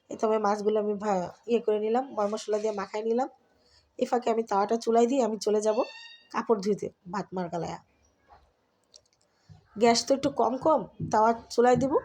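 A middle-aged Bangladeshi woman talks chattily to her viewers as she works in her home kitchen. She has a cold, so her voice stays soft and easy. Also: medium pitch. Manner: chatty, talks to viewers while doing chores. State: has a cold, speaks softly. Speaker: vlogger. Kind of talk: casual cooking and home vlog narration.

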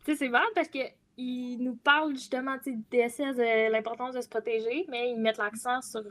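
Joining a group video call from home, a young woman with a Quebec French accent speaks casually as a guest columnist for a youth talk show. Her voice is on the high side and fairly bright, with a level tone and a brisk pace.

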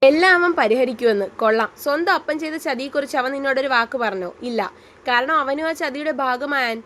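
Brief: woman doing a furious young man in an audio story, harsh and accusing, high voice. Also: fast talker, a bit bright, a little hiss or hum. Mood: angry. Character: angry young man, jealous and hurt.

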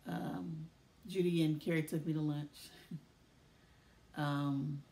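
Tired, low-voiced woman vlogging. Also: fairly even intonation, warm tone. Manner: weary, emotional, halting with many pauses. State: tired and tearful. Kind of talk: casual personal video diary.

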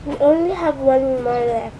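A woman's voice: high-pitched, moderate pace, highs cut off. A young girl vlogger chatting to viewers while chewing her food. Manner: simple chatty talk to viewers. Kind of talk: casual mukbang vlog. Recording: noisy home recording.

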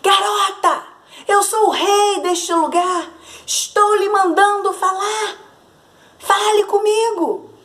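A woman voicing a bossy, rude little king who shouts his orders. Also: extremely high pitch, steady tone, takes it slowly, voice pushed up, heavily acted. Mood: furious. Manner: shouting, demanding.

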